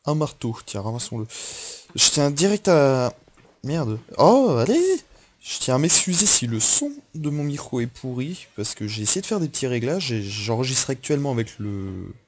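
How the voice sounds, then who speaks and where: A man's voice: mid-range voice, expressive, fairly quick, hardly any pauses, a little hiss or hum. A tired young man talking casually over a game on his headset mic, rambling and apologetic. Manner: rambling, apologetic, with self-talk. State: tired after little sleep. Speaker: gaming YouTuber. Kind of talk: casual let's-play commentary.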